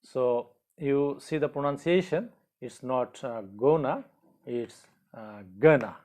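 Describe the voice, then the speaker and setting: A male teacher talks at an unhurried, deliberate pace, pausing often with fillers between phrases. His voice sits at a middle pitch. He repeats each example sentence carefully for learners. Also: animated, a little mellow. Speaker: English teacher. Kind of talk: slow spoken grammar lesson.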